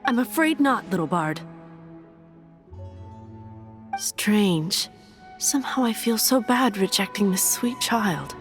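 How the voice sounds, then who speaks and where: A woman's voice: mid-range voice, lively intonation, unhurried, lightly acted. A woman playing a prim, pious young nun in an anime game, polite and formal yet firm. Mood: apologetic. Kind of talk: dubbed anime game dialogue. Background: music.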